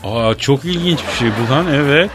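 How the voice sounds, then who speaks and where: A man hosting a radio comedy show, bantering loudly and staging a mock phone call in a teasing, mock-indignant way. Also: medium pitch, expressive, normal speed, music in the background.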